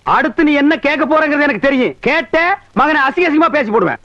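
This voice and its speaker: A man's voice: very high-pitched, sing-song, quick pace, no echo. An actor with a Kongu Tamil accent playing a sarcastic village man who fires off mocking retorts in a film comedy. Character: sharp-tongued village man, mocking and bossy. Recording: dull lo-fi film soundtrack.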